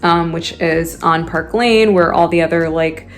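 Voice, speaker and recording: A woman's voice: lowish voice, a little slow, soft background music. A woman vlogging to a handheld phone camera in a casual, chatty way, laughing often and acting out what people said to her.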